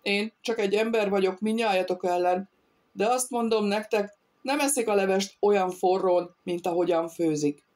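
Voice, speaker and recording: A woman reading an audiobook, voicing a cocky male thief who calmly taunts soldiers from a treetop. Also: medium pitch, recorded from a distance, close to an everyday voice. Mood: mocking. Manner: taunting, calm, sly.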